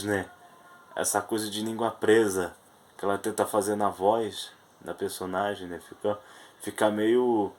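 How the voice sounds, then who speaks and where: A man's voice: on the low side, poor audio. A man with a Brazilian Portuguese accent giving a rambling, hesitant spoken film review, full of restarts.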